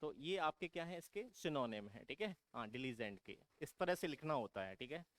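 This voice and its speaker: Drilling coaching teacher, smooth voice. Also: male voice, mid-range voice, big pitch swings, fairly quick, no room sound. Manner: constantly checks in with students, asking questions and answering them himself; calls students "beta". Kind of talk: vocabulary lesson for exam prep.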